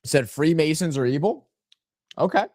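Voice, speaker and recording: A man hosting a live watch-along of a soccer match, giving casual play-by-play and reading out chat messages in a relaxed, rambling way. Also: on the high side, normal speed, dry recording, clean studio sound.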